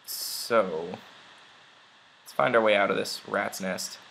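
A man's voice: lowish voice, takes it slowly, gravelly, sharp tone, rough recording. A young man chatting casually while playing a video game, rambling along with lots of ums and uhs. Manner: rambling, chatty, many fillers. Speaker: let's play gamer. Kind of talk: casual gameplay commentary.

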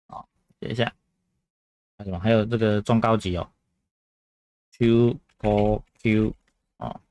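A man's voice: fairly low pitch, steady tone, a little slow, dark tone, clean tone, dry recording. A man teaching Japanese grammar in a chatty way, repeating phrases and tagging them with filler particles. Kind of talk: grammar lesson explanation.

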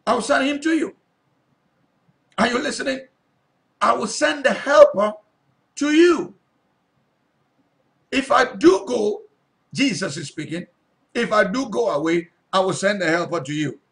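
A man's voice: high voice, expressive, a little slow, long pauses, fairly bright tone. A male pastor preaching a sermon, reading Bible verses aloud and then repeating and stressing them, often asking his listeners if they are listening. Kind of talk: sermon teaching scripture.

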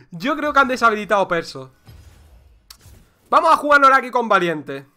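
A male game streamer with a Spain Spanish accent, chatting loosely through a live session. His voice is bright and a little tense, and it swings widely up and down as he plays up joking complaints with theatrical flair. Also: extremely high pitch, sing-song, moderate pace. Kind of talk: casual livestream gameplay chatter.

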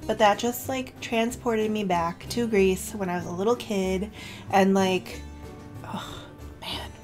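Vlogging casually to camera, a young beauty vlogger speaks in a mid-range, darkish voice at a measured pace with fairly even intonation. She's chatty and emotional, near tears, full of "like" and self-corrections, with faint music in the background.

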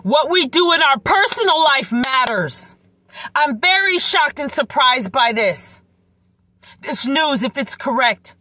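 A woman's voice: high-pitched, big pitch swings, slow pace, sharp tone, slight background noise. A woman with a swollen throat and tonsils delivering an impassioned, emphatic religious monologue, repeating phrases for weight. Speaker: religious video creator, preacher.

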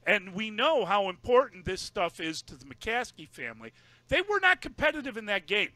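An emphatic male radio host weighs in on the postgame show. His voice is high and bright, and the sound is close and dry. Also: big pitch swings, moderate pace, no echo. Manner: emphatic, pointed opinions.

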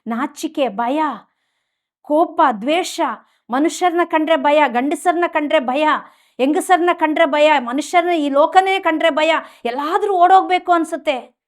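Woman preacher, Kannada accent, high tender pleading voice, healing sermon. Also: unhurried. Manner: tender and pleading, speaks straight to the listener; voices heartfelt prayers in first person. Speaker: nun preacher.

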